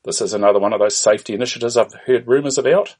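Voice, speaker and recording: A man's voice: mid-range voice, very fast, a little mellow, close to an everyday voice. A man voicing an exasperated, impatient starship captain in a comedy parody, with emphatic delivery.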